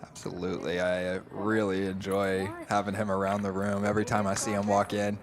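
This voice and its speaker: Brief: young male poker commentator, lowish voice, calm and analytical, busy card room behind. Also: a little fast. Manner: easygoing, analytical. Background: crowd chatter of a poker room.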